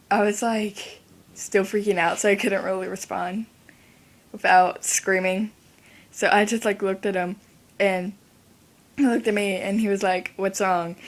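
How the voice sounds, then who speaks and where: Teen girl, unhurried speech, casual vlog storytelling, rambling and sidetracked, holding back tears. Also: mid-range voice. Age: teens. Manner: rambling, sidetracked, many fillers. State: near tears. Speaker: vlogger. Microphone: handheld device camera.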